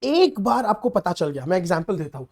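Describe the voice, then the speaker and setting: A man teaching online exam prep in an energetic, chatty lecture style, coaxing his students along. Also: sits high, fairly quick. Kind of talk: online lecture mixing Hindi and English.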